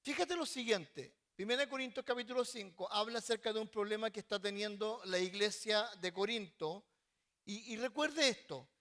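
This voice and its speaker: A man pastor preaching a sermon, often repeating words and pausing mid-sentence before stressing his points. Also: high voice, fairly bright tone. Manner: halting, repeats words while searching, then stresses points.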